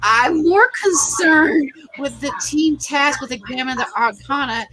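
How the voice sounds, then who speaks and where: A woman's voice: sits high, unhurried, a loud crowd, low-quality recording. A woman hosting a casual livestream watch party, chatting animatedly and laughing often. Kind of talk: casual group chat on a livestream.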